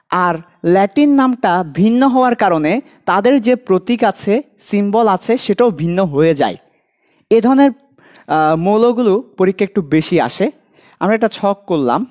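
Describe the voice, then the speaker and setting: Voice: medium pitch, a little mellow. A teacher with a Bangladeshi accent giving an online admission-prep chemistry lesson. The teacher repeats key points, quizzes students directly and adds light jokes. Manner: light joking asides.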